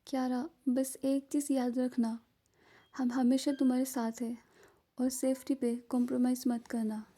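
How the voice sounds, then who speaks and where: A woman voicing a calm, caring middle-aged mother who speaks softly and gently. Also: high voice, measured pace. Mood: gentle. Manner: soft, gentle.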